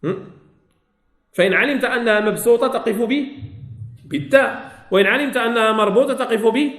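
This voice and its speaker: High-voiced Moroccan teacher in an echoey room. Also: male voice, brisk, a bit bright. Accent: Moroccan Arabic. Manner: repeats key phrases, asks students questions. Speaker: Quran recitation teacher. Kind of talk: religious lesson explanation.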